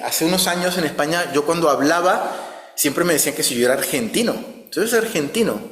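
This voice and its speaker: A man's voice: mid-range voice, a bit bright. A man preaching a conversational sermon, often ending his phrases with a questioning tag. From outside Spain. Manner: frequent "¿no?" tag questions, restarts. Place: church hall. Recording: echoey church hall.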